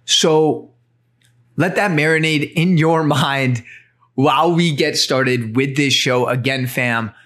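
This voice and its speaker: A man hosting a podcast, speaking in an energetic, motivational way as he introduces a guest and opens the interview. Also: fairly high pitch, slow. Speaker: podcast host.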